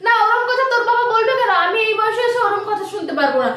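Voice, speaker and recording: A woman's voice: extremely high pitch, animated, fast talker, bright, forceful tone, full character voice. A woman playing an angry, overworked middle-aged housewife who scolds shrilly and complains in a sing-song voice, recorded in an echoey room. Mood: lamenting. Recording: echoey room, distant mic, noisy.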